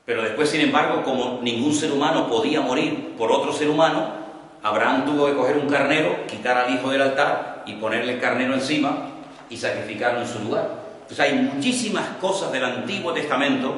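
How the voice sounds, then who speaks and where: A male pastor teaches a Bible class, repeating his points slowly so people can note them. His voice comes from some distance. It rings out in a big, echoey church hall with a long reverb tail. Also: medium pitch, a bit bright, a little hiss or hum.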